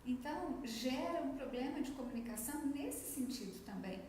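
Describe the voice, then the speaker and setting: Speaking Minas Gerais Brazilian Portuguese, a woman from that Brazilian state talks about her speech therapy work in an interview, instructive in tone and dramatizing quoted remarks. Her high, animated voice is slightly mellow and moves at a moderate pace, with heavy room echo and faint noise.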